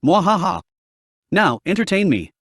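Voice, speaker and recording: A man's voice: a little high, big pitch swings, a little fast, dry recording, studio quality. A man voicing a pompous, solemn male penguin demon in an audiobook reading, with a grandiose, declaiming delivery. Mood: gloating.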